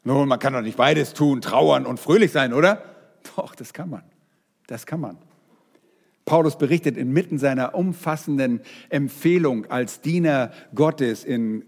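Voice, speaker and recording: A man preaching a sermon, speaking straight to his congregation in a lively way. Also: on the high side, in a large hall. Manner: lively, addresses the congregation directly.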